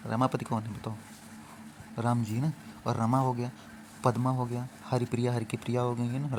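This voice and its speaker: A man teaching a vocabulary lesson for an exam, repeating each word and quizzing the listener before answering himself. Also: medium pitch. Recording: faint background noise.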